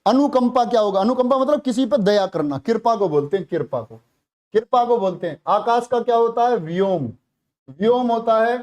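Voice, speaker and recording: Guy teaching a class, high voice, says every word twice and keeps quizzing the kids. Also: moderate pace, darkish tone. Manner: repeats each word, quizzes the students. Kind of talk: classroom lesson.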